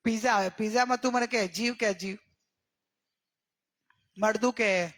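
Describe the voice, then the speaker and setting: Very high-voiced male spiritual teacher. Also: fairly even intonation, fairly bright tone. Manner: questioning, coaxing listeners with repeated checks; drawls out key words slowly for emphasis. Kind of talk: religious discourse.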